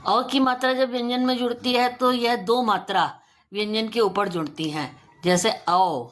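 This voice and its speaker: A woman teacher giving a pronunciation lesson for children, stretching out example words slowly and deliberately. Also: a little high, steady tone. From India.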